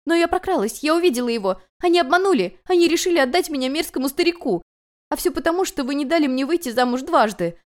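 Brief: a woman doing a high, tearful young noblewoman, indignant and swinging wildly in pitch. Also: sing-song, brisk, a little mellow. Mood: sobbing outrage. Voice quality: high, shrill and pleading.

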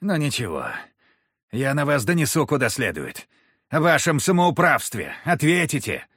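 Man voicing drunken lout, count's spoiled son, high strained shouting, slurring, dry close sound. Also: very animated, moderate pace, husky, dry recording, exaggerated voice. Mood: blustering. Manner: slurred bellowing, boastful and threatening.

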